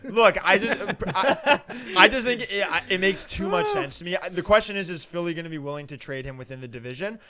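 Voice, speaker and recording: A man co-hosting a casual hockey podcast, animated and jokey, slipping into loud movie-quote impressions. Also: high-pitched, fairly quick, a loud crowd. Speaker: podcast co-host. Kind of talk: casual chat.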